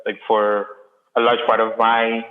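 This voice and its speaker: A man's voice: lowish voice, monotone, measured pace. A young man from Sudan, a student, answering interview questions in a hesitant, casual way with many restarts. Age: young adult. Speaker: interview guest. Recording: echoey, phone-like audio.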